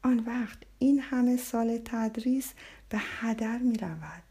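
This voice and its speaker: A woman's voice: a little high, husky, pitched above the performer's own voice. A woman reading the part of a revered elderly male scholar, speaking in a fatherly, kindly way. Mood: doubtful. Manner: warm and fatherly, calls her child.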